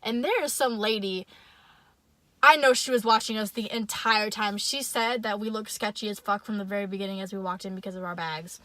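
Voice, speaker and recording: A young woman with a bright, ringing voice tells a personal story to her viewers. She talks in a loose, chatty way, packs her sentences with fillers and swears freely. She addresses the audience directly, the way a casual vlogger does. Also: medium pitch, no room sound.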